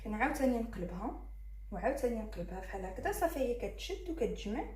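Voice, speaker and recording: A woman's voice: a little high, very animated, rapid-fire, dark tone, reverberant. A woman with a Moroccan Arabic accent hosting a cooking tutorial, talking viewers through each fold as she works. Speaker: cooking channel host.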